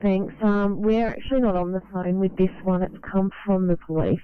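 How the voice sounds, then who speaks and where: An emergency dispatcher on two-way radio, giving brisk, clipped call-sign updates to field crews. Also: mid-range voice, fairly even intonation, clear, resonant tone, no echo. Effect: two-way radio transmission. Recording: tinny band-limited radio, dry.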